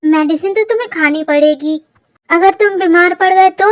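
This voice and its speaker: A man's voice: very high voice, moderate pace, a bit bright. A reader voicing a stern young man who bosses around and cares for a childish twin, in a fan audio story. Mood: scolding. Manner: bossy, scolding. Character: stern rich young man, gruff caretaker.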